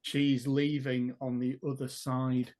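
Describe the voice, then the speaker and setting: A man at a tabletop game voices his character's choices at an ordinary mid pitch. He thinks aloud and pieces the scene together one step at a time. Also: completely flat delivery, takes it slowly, darkish tone. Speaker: player. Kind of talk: tabletop role-play storytelling.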